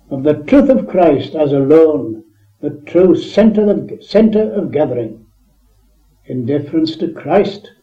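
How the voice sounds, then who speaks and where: Solemn preacher guy reading his sermon out slow and measured, old muffled tape recording. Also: high-pitched, warm tone. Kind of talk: reading a written address aloud.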